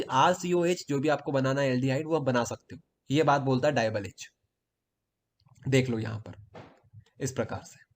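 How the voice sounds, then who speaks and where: A man from Madhya Pradesh teaching chemistry in a casual exam-prep lesson, repeating key points and asking and answering his own questions. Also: on the high side. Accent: Hindi-speaking Madhya Pradesh.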